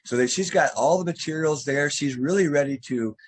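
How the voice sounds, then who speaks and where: This is a remote consultation: a male drainage contractor, his voice fading, explains materials to a homeowner on a video call, step by step. He talks fairly quickly at a fairly high pitch, teaching as he goes and stumbling into restarts and fillers.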